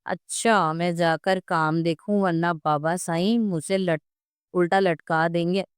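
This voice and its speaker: Affectionate teasing elder brother, coaxing and playful, read by a woman, crisp and dry. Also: on the low side, steady tone, a little slow, no room sound, natural voice.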